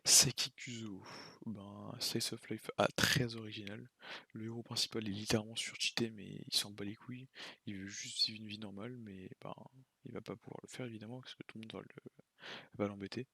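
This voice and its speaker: A man's voice: fairly low pitch, little pitch movement, fairly quick, gravelly, bright, forceful tone, slightly rough, no room sound. A man giving casual, slangy, rambling commentary while ranking shows on a tier list, tired late at night. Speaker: YouTuber ranking anime.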